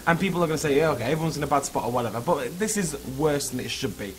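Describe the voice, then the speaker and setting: A young man, hungover with a slightly hoarse voice, chatting in an informal, rambling, self-critical way as he vlogs over a video game. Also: a little high, expressive, very fast. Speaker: gaming video creator. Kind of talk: casual vlog chat over gameplay. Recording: clearly noisy background ambience.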